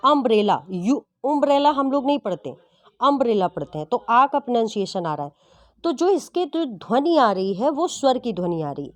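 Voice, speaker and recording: Speaking in a rather high voice on a dry recording, a woman takes exam students through English grammar. She is patient, goes over points again, and keeps asking whether the class understands.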